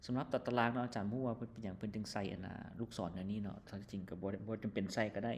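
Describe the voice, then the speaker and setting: A male teacher with a Lao accent explaining an English textbook lesson, reading English words slowly, then explaining them quickly with many fillers. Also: on the low side, fairly even intonation, a little mellow, a little hiss or hum.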